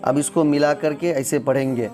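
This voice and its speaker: A man teaching Quran reading, spelling out letters and vowel marks one by one, with quick plain explanations of the rules. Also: fairly high pitch, steady tone, dark tone. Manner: recites verses slowly in a melodic chant.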